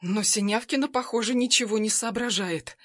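A woman narrating a novel in the first person in a steady, lightly dramatic reading style. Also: on the high side, normal speed, no room sound, clean studio sound. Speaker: audiobook narrator.

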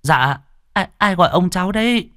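A man voicing a shy young village girl who speaks timidly and haltingly. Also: high-pitched, animated, sharp tone, no room sound, clean studio sound, voice pushed up. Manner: timid, hesitant.

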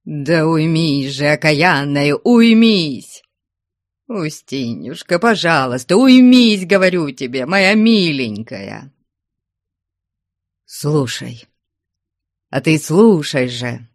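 A woman voicing a flustered, anxious man who pleads in a hushed voice. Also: low voice, big pitch swings, slow pace, long pauses, no echo, studio quality, full character voice. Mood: coaxing.

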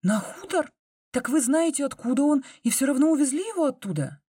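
A woman's voice: mid-range voice, very animated, fast, warm tone, no echo, clean studio sound, pitched above the performer's own voice. A woman voicing a stubborn nineteen-year-old girl with an insistent, pleading manner.

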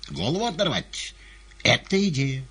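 A man's voice: mid-range voice, wildly swooping pitch, unhurried, sharp tone, slightly rough, pitched above the performer's own voice, heavily acted. A man voicing a mocking conjurer's assistant with a bleating goat-like tenor in a theatrical, jeering manner. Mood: mocking showman.

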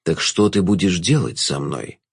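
A man voicing a scheming, mocking male jester villain in an audiobook, speaking low, hushed and drawn out. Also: moderate pace, creaky, slightly rough, no room sound, studio quality, full character voice. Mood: sly, mocking.

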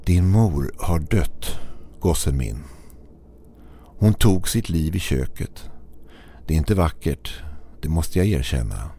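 A man voicing a sinister, falsely kind old man in a suit, speaking softly and coaxingly in a scripted horror story. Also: rumbling low, animated, long pauses, slight background noise. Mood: gently ominous. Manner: soft, mild, coaxing.

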